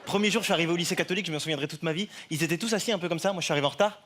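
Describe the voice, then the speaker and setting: A male stand-up comedian telling a story on a TV studio stage in an animated, chatty way, laughing along as he goes. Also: on the high side, racing, some chatter behind. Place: TV studio stage with live audience. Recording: loud audience laughter and noise.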